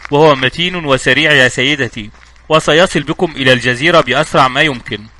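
A man reading as a quiet Devon boatman. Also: mid-range voice, fast, a little hiss or hum, close to an everyday voice. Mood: calm. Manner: calm and quiet. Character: quiet weathered male sailor boatman.

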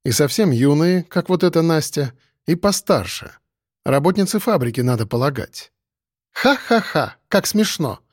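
A man narrating a first-person audiobook in a wry, lively way. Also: on the high side, moderate pace, dry recording, clean studio sound.

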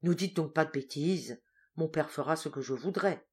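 A woman voicing a confident, teasing young woman of twenty-three in an audiobook, speaking in a brisk, self-assured way. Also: low-pitched, slightly rough.

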